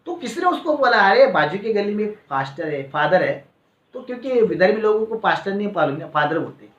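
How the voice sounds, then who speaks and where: A man, preaching a sermon and telling a personal story in an animated way, often adding "है ना" and "Praise the Lord". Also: high-pitched, a little fast. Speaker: pastor. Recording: echoey, dull lo-fi hall recording.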